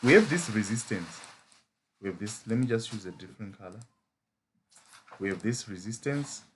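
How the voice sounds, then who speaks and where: Animated and moderately paced, this fairly low-pitched Zimbabwean trading mentor speaks with a Zimbabwean English accent while walking through chart patterns live. He keeps asking "as a what?" rhetorically, over slight background noise.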